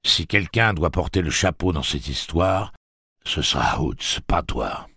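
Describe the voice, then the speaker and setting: A man voicing a soft-spoken, menacing male gang leader who talks quietly and silkily. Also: deep voice, lively intonation, unhurried, breathy edge, no echo, clean studio sound, pitched above the performer's own voice, heavily acted. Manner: quiet and silky.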